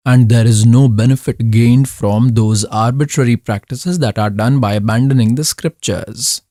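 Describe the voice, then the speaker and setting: A man delivering a scripted spiritual discourse in a slow, deliberate manner, pausing often between short phrases. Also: mid-range voice, dark tone, no room sound, studio quality. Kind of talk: religious discourse, scripted voice-over.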